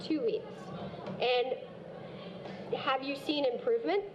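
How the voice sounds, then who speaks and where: A woman from a school program narrating a video and coaching students in an encouraging, gently corrective way. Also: sits high, slow, background noise. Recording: dull lo-fi video audio with music. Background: background music.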